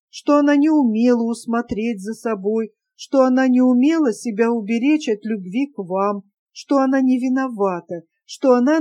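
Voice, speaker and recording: A young woman torn between hurt and disbelief, pleading question after question, as a woman reads her aloud. The voice is mellow and soft-toned, sitting fairly high. It belongs to a spoken audiobook. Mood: anguished. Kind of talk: audiobook character reading.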